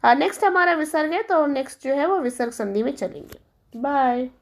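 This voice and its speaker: A woman's voice: sits high, normal speed. A woman teaching Hindi grammar as a classroom-style lesson, walking through each example step by step and asking and answering her own questions as she addresses her students as children.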